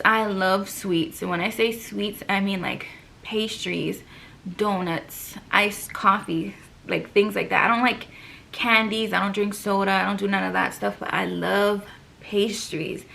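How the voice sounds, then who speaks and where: A woman's voice: mid-range voice, measured pace, creaky, a bit bright. A young woman vlogger chatting casually to camera, out of breath, with lots of fillers and sighs.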